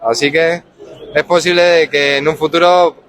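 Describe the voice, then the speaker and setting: Calm, slightly high-voiced Spanish man. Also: slight background noise. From Spain. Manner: calm, measured, reflective. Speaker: street interviewee. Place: outdoors on a street.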